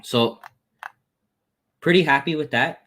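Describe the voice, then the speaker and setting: Here the trading educator talks slowly, his voice a bit bright, as he casually guides viewers through trades on his shared screen. He repeatedly calls them "guys," says "boom" when announcing wins, and thanks members of the chat.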